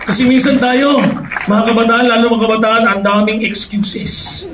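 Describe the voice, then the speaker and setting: High-pitched Filipino preacher shouting in an echoey hall. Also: male voice, fairly even intonation, moderate pace. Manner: shouting, calls for amens from the crowd; mixes English and Tagalog mid-sentence. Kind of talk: sermon. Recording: echoey hall, voice far from mic, crowd and noise.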